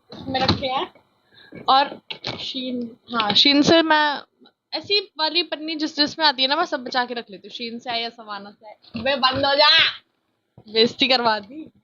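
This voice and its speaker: A young woman from India with a childlike voice, chatting loudly and excitably through a casual vlog, filmed on a phone on a tripod. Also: sits high, unhurried, long pauses, dull audio, a little hiss or hum. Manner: chatty, self-mocking, loud and excitable. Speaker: vlogger.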